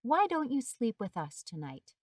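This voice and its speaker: A woman plays a caring grandmother in a storybook reading, soft-spoken and soothing. The voice sits fairly high and is recorded close and dry. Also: big pitch swings, moderate pace, no echo. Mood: gentle. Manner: gentle, soothing.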